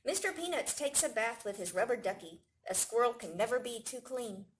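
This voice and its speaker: A woman reads a picture book for young listeners. Her voice sits a little high and moves widely in pitch, with expressive storytelling delivery. There is faint noise in the recording. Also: fairly quick. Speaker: library staff storytime reader. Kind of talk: children's picture book read-aloud.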